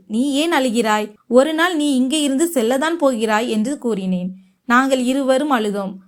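A woman narrating a first-person family story in a steady read-aloud manner. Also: high-pitched.

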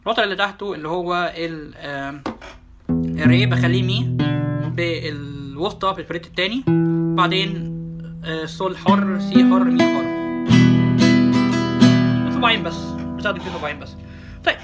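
A man's voice: high voice, brisk, long pauses. A man with an Egyptian Arabic accent teaching a guitar lesson, naming notes one by one and repeating them step by step, with guitar notes heard behind.

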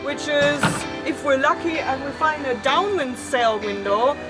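A woman in her thirties talks to an action camera held at arm's length on the deck of a sailboat. Her voice sits high and she rattles along chattily, laughing easily. Music plays clearly underneath. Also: measured pace. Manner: chatty, laughs often, excitable. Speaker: sailing vlogger. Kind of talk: casual vlog talk. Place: outdoors on a sailboat deck in a marina.

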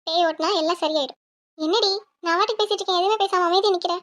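Woman voicing a fierce, very high-voiced cartoon mother. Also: racing, a bit bright. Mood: reassuring. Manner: commanding, scolding, sure of herself. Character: bold scheming mother, fierce and protective. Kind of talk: cartoon voice acting.

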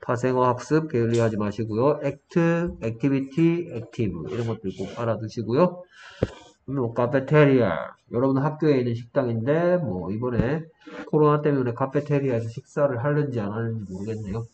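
A man teaching an English vocabulary lesson to a student in a small room, explaining step by step and quizzing with quick questions. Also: medium pitch, darkish tone. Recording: dull lo-fi room recording, faint noise.

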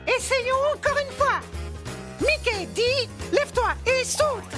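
An upbeat cartoon mouse with an extremely high falsetto. He gives simple, encouraging instructions to children at an unhurried pace, with music playing clearly behind him. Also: bright, forceful tone, full character voice. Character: cheerful high-voiced male cartoon mouse, upbeat exercise leader for children. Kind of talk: children's cartoon exercise show in French.

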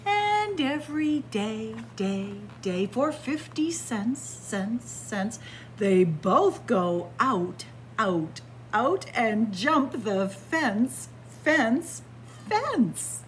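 Reading extremely slowly, a sixty-something children's librarian chants a picture book's rhymes in a sing-song way, adding playful asides. Her voice is on the high side with big pitch swings, captured by a close webcam in a library with bookshelves amid slight background noise.

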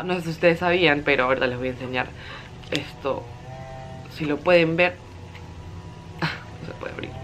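A young woman, telling a story in a chatty, animated way as she unboxes a phone for her vlog. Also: lowish voice. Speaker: vlogger. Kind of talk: casual vlog chat.

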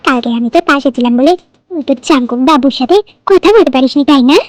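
A woman's voice: high voice, quick pace, no echo, natural voice. A woman voicing a bossy, protective older sister who teases and lectures in a storybook tale. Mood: stern.

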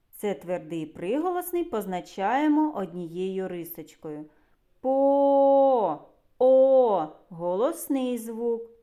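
Female kindergarten teacher, Ukrainian accent, unhurried and deliberate, sounds out words for small children. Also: medium pitch, dark tone. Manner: stretches words, repeats them slowly for children. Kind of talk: slow, clear literacy lesson for young children.

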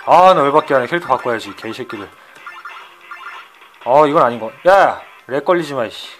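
Lively, profane Korean game streamer man. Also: medium pitch, normal speed. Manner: swears and yells at the computer opponent; swings from shouting to muttering. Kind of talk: profane retro game commentary.

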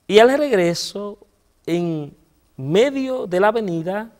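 A man with a Dominican Spanish accent and a fairly high voice tells his testimony as a priest on a TV interview. He speaks earnestly, dropping low and soft at painful moments. The sound has a long, hall-like reverb. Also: animated, slow. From Dominican Republic.

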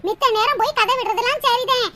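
A woman's voice: very high-pitched, fast talker, pitched below the performer's own voice. A woman doing a whiny young sister-in-law. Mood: complaining. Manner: complaining. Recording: loud background noise.

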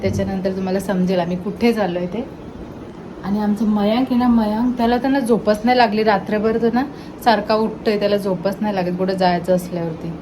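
A woman's voice: mid-range voice, fairly even intonation, fairly quick, noisy background. A woman with a Marathi accent hosting a casual family vlog, talking straight to her viewers in a chatty way. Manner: chatty, addresses viewers directly. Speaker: vlogger.

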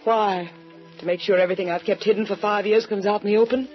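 An actress voices a guarded, anxious woman begging for help in a 1940s radio play, her delivery urgent, tense, and pleading. She speaks fast at medium pitch with a steady tone, close to her everyday voice, on a dull old broadcast recording with music.

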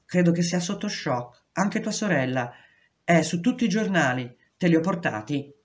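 A woman reading a calm, practical woman lawyer. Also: fairly low pitch, moderate pace, close to an everyday voice. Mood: reassuring. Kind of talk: audiobook reading.

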